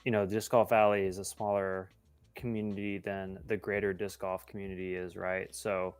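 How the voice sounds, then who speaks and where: A man's voice: low-pitched, level tone, normal speed, clear, resonant tone. A man co-hosting, asking questions in an earnest, thoughtful way with some repeated words. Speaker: co-host. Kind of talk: casual interview questions.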